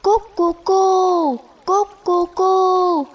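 Sorrowful old granny dove for a storybook, slow cooing delivery, a woman voices her. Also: sits high.

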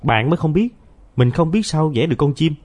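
A man voicing a gentle, earnest little schoolgirl who speaks in a raised, childish voice. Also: on the high side, lively intonation, brisk, pitched above the performer's own voice.

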